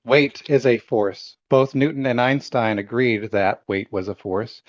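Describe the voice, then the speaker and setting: A man's voice: medium pitch, fairly even intonation, a little slow, dry recording, lo-fi sound. A man in a heated online debate, patiently challenging the other side.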